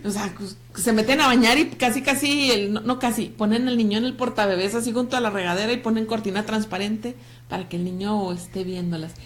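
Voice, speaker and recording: A woman with a Mexican Spanish accent hosting a talk show, animated and joking, greeting viewers by name. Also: medium pitch, brisk. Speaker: host. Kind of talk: lively talk show chat.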